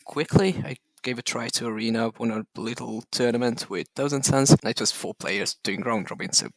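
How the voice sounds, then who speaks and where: A man from Hungary speaks as a podcast guest, measured and matter-of-fact. His voice carries a gravelly fry at mid pitch. The sound is close and dry with no room echo. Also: a bit bright. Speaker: guest, tournament champion. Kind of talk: casual podcast chat.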